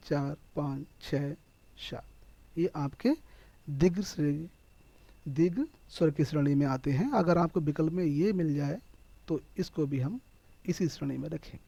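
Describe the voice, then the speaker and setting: Male tutor with a Hindi accent, slightly high voice, warm tone, close dry sound, explains step by step for an exam-prep class. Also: creaky, no echo, muffled recording. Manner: explains step by step, asks and answers his own questions. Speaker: teacher.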